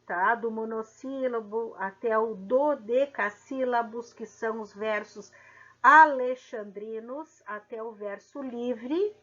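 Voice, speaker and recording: A woman teaching a literature lesson, spelling out poetic syllables slowly and checking in with the class. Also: fairly high pitch, fairly bright tone, lo-fi sound. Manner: slow, drawn-out syllable counting with frequent "tá?".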